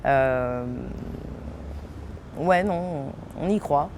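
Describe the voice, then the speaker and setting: An actress and theatre company owner from French Guiana answers interview questions in an unfinished theatre hall, her deep voice drawing out words against a noisy background. She's lively, laughing often and hesitating a lot.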